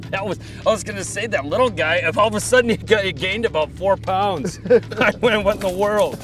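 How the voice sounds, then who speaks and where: This angler speaks high and a little bright at a normal speed, talking casually and showing how it's done for a fishing show. His manner is homespun and colloquial, and music runs behind him as he sits in a boat on the open lake.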